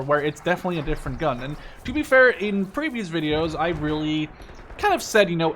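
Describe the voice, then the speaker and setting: Behind a slightly high male voice there is a little hiss or hum, plus loud artillery and gunfire from the shooter game he's playing. He's a Dutch gameplay video creator in his twenties, giving casual, rambling commentary and often correcting himself as he concentrates.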